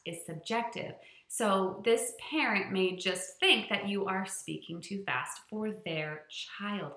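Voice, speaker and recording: Woman, online teacher, chatty teaching-tips vlog, bright voice, roomy echo. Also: mid-range voice. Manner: chatty, upbeat, with frequent fillers. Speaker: online ESL teacher and channel host.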